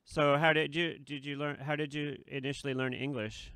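A man's voice: on the high side, level tone, moderate pace, a bit bright, a little hiss or hum. A man hosting a casual interview, chatty and often laughing, on a desk mic with headphones in a small studio. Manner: chatty, laughs between remarks, many fillers. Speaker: host. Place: small studio with red curtain.

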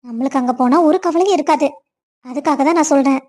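A woman's voice: high-pitched, fast talker, mellow, close to an everyday voice. A woman voicing a scheming, stern middle-aged stepmother in a cartoon story, who scolds and gives orders. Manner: bossy, scolding.

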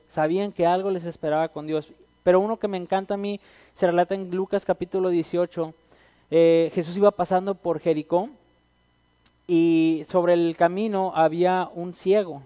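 Man, sermon, high voice, smooth, echo of a church hall, earnest and building. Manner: earnest, builds to loud cries when quoting. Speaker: guest preacher.

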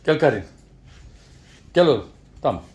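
A woman's voice: a bass voice, very animated, moderate pace, heavy background noise. A woman at home filming a casual vlog, coaxing and laughing as she calls to her pet. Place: home indoors.

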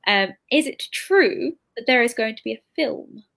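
A woman in her 20s hosts an interview in a casual, chatty, informal way as an interviewer for a bookshop event. Her voice is a little high, gravelly, and a bit bright, with lively intonation at normal speed. She's in an indoor room on a video call, using her computer mic.

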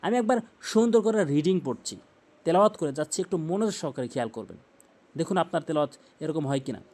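A man with a Bangladeshi Bengali accent and a fairly high voice teaches Quran recitation. He talks earnestly and drags out each Arabic sound in slow demonstrations. He also chants the verses slowly. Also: expressive, darkish tone.

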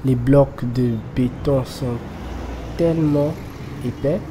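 A man guiding a walking tour outdoors beside a busy road. He talks slowly and hesitantly, with many fillers. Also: medium pitch, fairly even intonation. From Côte d'Ivoire. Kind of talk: casual walking-tour narration. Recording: background music and traffic noise.

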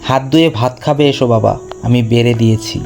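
A man voicing a sensible, caring ten-year-old daughter who speaks gently and earnestly in a storybook reading. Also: medium pitch, fairly quick, creaky, faint music behind, lightly acted.

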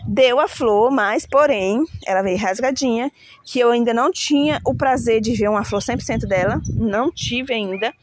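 Chatting with her viewers as she shows her flowers, a woman talks casually about her plants and pokes fun at herself when she fumbles pronouncing their names. She speaks at a moderate pace with a fairly high pitch. A little hiss or hum sits under the recording.

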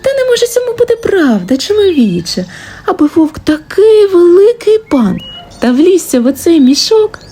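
A cunning little fox speaks in a very high, darting voice, put on by a woman storyteller. She teases and coaxes with playful, mellow warmth, like a bedtime fairy tale. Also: sing-song, fairly quick. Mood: sly, teasing. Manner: teasing, coaxing.

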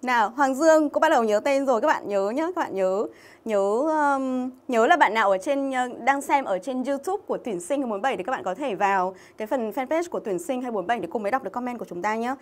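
A woman's voice: on the high side, fast talker. A young woman from Vietnam teaching an English exam-review lesson on a livestream, chatting and reading out viewers' names and comments.

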